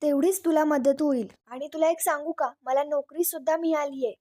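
A woman reading the lines of a scheming young niece in a coaxing manner, in a high voice. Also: steady tone, fairly quick, dark tone, no room sound, natural voice.

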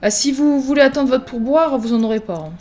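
A young woman hosting a let's-play, her voice sitting high and lively. She jokes at her game characters, teases herself, and flips into theatrical panic when things go wrong. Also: a little fast. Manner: animated, exclamatory, mock-dramatic; teasing, self-mocking asides. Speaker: gaming video host.

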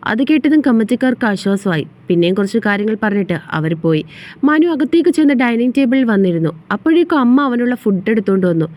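A woman narrating a romance audio series in a steady, even storytelling manner. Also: a little high, fast.

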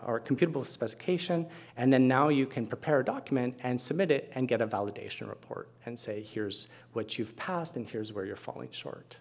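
At a podium in an indoor lecture hall, a middle-aged man with a medium-pitched, somewhat dark voice gives a keynote at an academic conference. He explains things while dropping in conversational asides.

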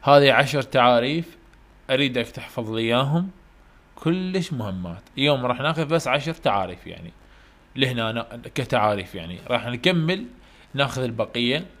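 Iraqi male lecturer, mid pitch, slow on the English, quizzes his students. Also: expressive, a bit bright. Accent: Iraqi Arabic. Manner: explains in Arabic, reads English questions slowly and carefully; asks students questions and answers them himself. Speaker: university English teacher. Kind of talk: online lecture.

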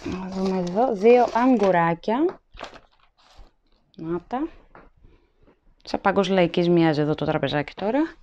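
A woman's voice: lowish voice, animated, pauses often, a little mellow, lo-fi sound, slight background noise. Chatty woman showing off groceries. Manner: chatty, lists items and weights as she goes. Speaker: vlogger. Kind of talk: casual haul vlog narration. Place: indoors at home, at a table. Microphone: handheld phone camera, filming items up close.

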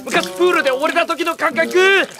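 A man voicing a cynical, lazy young anime loudmouth who is easily spooked and talks in rough, slangy delinquent speech. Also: extremely high pitch, normal speed. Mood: panicked mockery. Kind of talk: anime comedy acting. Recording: background music under the dialogue.

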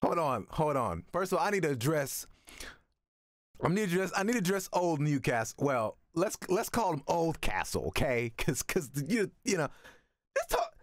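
A man's voice: a little high, big pitch swings, normal speed, no room sound, studio quality. A young man reacting live on stream, exuberant and slangy, often repeating himself. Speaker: streamer and voice actor reacting to video. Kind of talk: excited live reaction commentary. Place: small home studio room, indoors.

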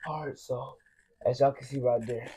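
A man's voice: mid-range voice, moderate pace, slight background noise. A man filming a casual workout vlog in a gym, tired from lifting and chatting straight to his viewers. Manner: relaxed, chatty, addresses viewers directly. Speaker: fitness vlogger.

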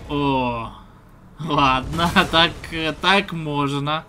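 A man's voice: a little high, drawn-out words, sharp tone, slight background noise. A young man streaming a game, giving casual reactive commentary in short, slangy bursts. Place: indoor room at a computer, webcam shown.

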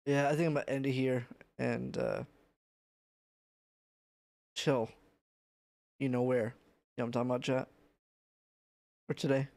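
Streamer guy wrapping up, loose and mumbly, dry livestream headset sound, mid-pitched. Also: flat delivery, measured pace, gravelly, pauses often, a little mellow, no room sound. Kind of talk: casual chat with viewers.

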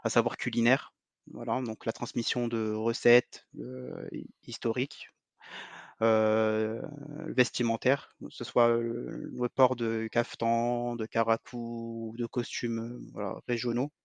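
Man from Algeria, monotone delivery, explains at length with stops and fixes, close dry mic. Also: mid-range voice, gravelly, dry recording. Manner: halting, self-correcting. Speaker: podcast guest, heritage advocate. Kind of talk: explanatory interview answers.

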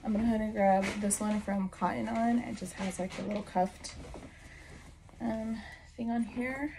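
A woman in her thirties with a mid-pitched, fry-edged voice chats informally to her phone. She rambles, half talking to herself as she gets ready in a bedroom. Noticeable noise sits behind her. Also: steady tone, normal speed. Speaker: lifestyle vlogger. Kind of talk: casual get-ready-with-me chat. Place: small bedroom indoors. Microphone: phone propped at about arm's length. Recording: clear background noise and clicks.

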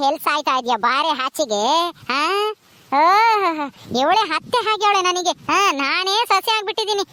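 A woman playing a drunk, bossy village mother-in-law who shouts and taunts in a comedy skit. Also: very high-pitched. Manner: shouting, taunting, slurred bluster.

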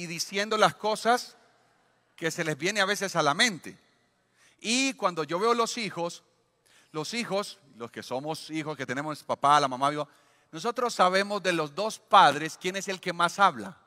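Bright-voiced man preaching in a reverberant hall. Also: fairly high pitch. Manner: emphatic preaching, acting out parents and children. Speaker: pastor. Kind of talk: sermon.

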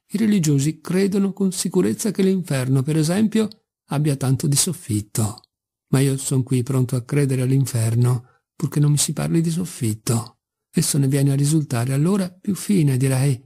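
A rambling old drunk of a father, sentimental and wicked, as a male reader voices him. His voice is dark and husky, and he mocks and wheedles as he talks in this audiobook reading. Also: mid-range voice.

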